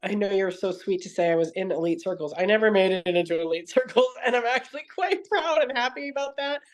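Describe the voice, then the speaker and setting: Speaking fast and animated in a mid-range voice, a woman guest on a podcast tells her story at length. She's earnest and digressive, often revising herself in the middle of a sentence, in a conversational interview style.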